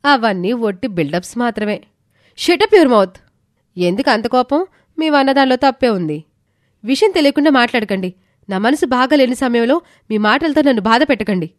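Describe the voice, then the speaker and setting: A woman performs a stubborn teenage younger sister in an audio story. The voice sits a little high and snaps back with petulant, sharp-tongued retorts. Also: animated, brisk, dry recording, studio quality, natural voice. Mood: defiant. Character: lively teenage sister, sulky and defiant.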